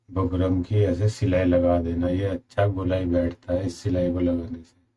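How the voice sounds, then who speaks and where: A man with a slightly sore throat gives a slow, repetitive step-by-step sewing tutorial as a tailoring instructor. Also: sits low, warm tone, a little hiss or hum. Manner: slow, repetitive instructions addressing viewers as friends.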